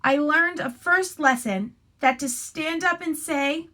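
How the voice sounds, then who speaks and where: Slowly and in a high voice, a teacher reads a picture book aloud for a group of young kids. She's expressive and instructive, now and then stepping aside for a casual comment.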